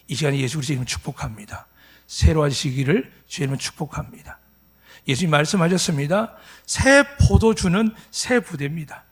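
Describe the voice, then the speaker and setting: Man in his fifties, pastor, Sunday sermon, high voice, emphatic, rhetorical questions. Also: husky. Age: 50s. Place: church Sunday service.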